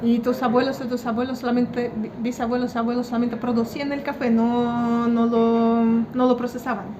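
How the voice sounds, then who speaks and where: A woman's voice: on the high side, flat delivery, moderate pace. A woman hosting a casual interview, bubbly and inquisitive, with short affirmations. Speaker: interview host. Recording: noisy background.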